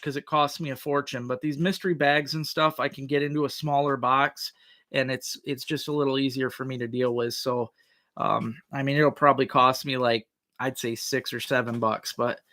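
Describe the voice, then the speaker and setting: A man's voice: mid-range voice, steady tone, moderate pace, bright, forceful tone. A man hosting a livestream, chatting casually with viewers in a folksy, rambling way. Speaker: livestream host.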